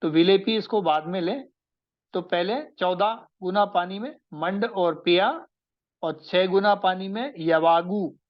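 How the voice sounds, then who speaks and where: Man, teacher, slow careful lecture, recaps points for note-taking, dull lo-fi sound. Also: high voice. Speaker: Ayurveda teacher.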